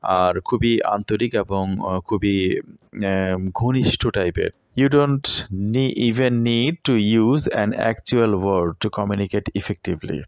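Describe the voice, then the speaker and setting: A man with a low, gravelly voice teaching a lesson. He reads English phrases slowly, then explains them in a loose, unhurried way full of small pauses. The sound is dry and close. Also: no room sound.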